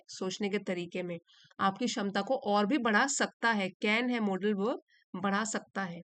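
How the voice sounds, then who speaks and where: A woman teacher who reads lines slowly and carefully, then explains them patiently in Hindi. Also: medium pitch, a bit bright, dry recording. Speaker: English teacher. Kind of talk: explaining an English reading passage in Hindi.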